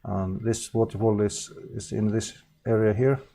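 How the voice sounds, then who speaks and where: An Icelandic man chatting casually on a live stream as he paints, halting and correcting himself often, with frequent small chuckles. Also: fairly low pitch, flat delivery, vocal fry, mellow, a little hiss or hum. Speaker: livestreaming painter.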